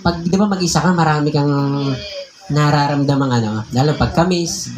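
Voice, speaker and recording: A man with a Filipino accent, a pastor telling a personal story in a conversational, animated sermon, often laughing. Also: fairly high pitch, fairly quick, crowd noise. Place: church hall.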